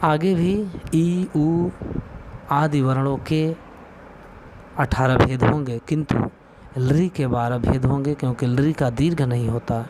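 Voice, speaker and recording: A man's voice: mid-range voice, steady tone, a little slow. A man giving a spoken video lesson on Sanskrit, explaining patiently step by step and counting aloud. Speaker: Sanskrit teacher. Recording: clear background noise with clicks.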